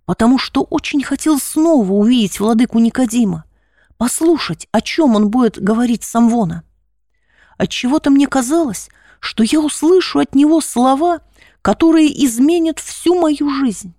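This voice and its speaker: A woman's voice: high voice, mellow, no echo. Woman reading a story, dry and close. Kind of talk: storybook reading in first person.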